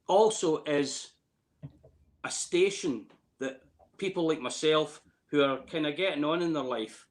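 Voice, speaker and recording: A man's voice: on the high side, measured pace. A man in his late fifties from Scotland with a Scottish accent, chatting casually in an interview in a hesitant, rambling way, repeating words as he goes. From Scotland, near Glasgow. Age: late 50s. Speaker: distillery warehouse tour guide.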